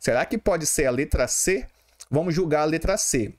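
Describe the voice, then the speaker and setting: A man's voice: a little high, expressive, normal speed, darkish tone. A man with a Brazilian Portuguese accent teaching students, talking to them directly and answering his own questions while sounding out words syllable by syllable. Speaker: Portuguese teacher for exam prep. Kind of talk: explaining exam questions.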